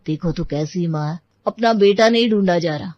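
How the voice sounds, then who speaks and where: A woman puts on a cheeky young brother for a storybook tale, his voice pushed lower and teasing. He pokes fun at his sister. The recording is dry and a little dull. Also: moderate pace, no room sound, lightly acted. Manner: teasing, playful. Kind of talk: storybook voice acting.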